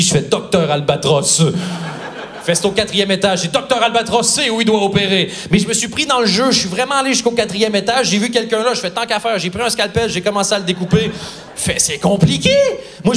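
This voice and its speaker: A man tells a long comic story on a theatre stage. His voice sits high for a man, and he slips into the voices of the people he quotes as he goes. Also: fairly bright tone. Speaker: stand-up comedian. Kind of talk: stand-up comedy set. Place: theatre stage before a live audience.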